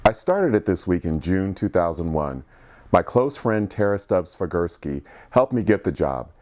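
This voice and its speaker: Very deep-voiced man reading his story. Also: big pitch swings, normal speed, a little mellow. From Columbus, Ohio. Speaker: journalist and filmmaker. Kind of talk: scripted personal narration.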